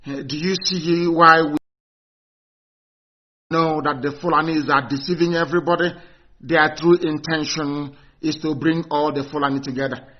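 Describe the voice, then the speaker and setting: On a lo-fi live stream, a man whose first language is Igbo delivers an impassioned address, fervent and agitated as he cries out exclamations and rhetorical questions. His voice sits on the high side, with a steady tone and normal speed.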